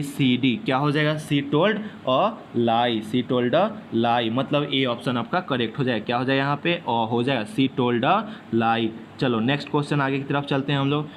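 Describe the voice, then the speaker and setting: Man teaching, urging quick answers. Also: mid-range voice, slight background noise. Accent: Bihari Hindi. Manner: quizzes students, urges quick answers, repeats questions; reads sentences slowly, word by word. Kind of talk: online exam-prep class.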